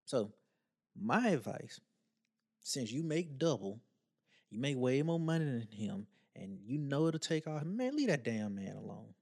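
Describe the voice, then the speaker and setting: A man's voice: mid-range voice, big pitch swings, unhurried, creaky, darkish tone. A man co-hosting a casual advice podcast, joking in a teasing, playfully petty way. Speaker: podcast co-host giving advice. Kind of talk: casual chat.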